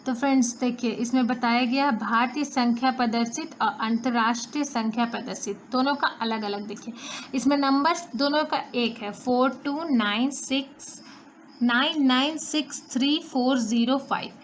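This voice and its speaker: A young Indian woman teaches a math lesson, patiently counting through place values and answering her own questions. Her voice sits high, she speaks at normal speed, and there's faint background noise.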